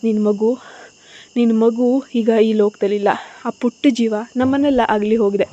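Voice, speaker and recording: A calm, somber young man who talks low and gentle, as a woman narrator puts him on. The tone stays mellow and dark. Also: normal speed, dry recording, dull audio, lightly acted.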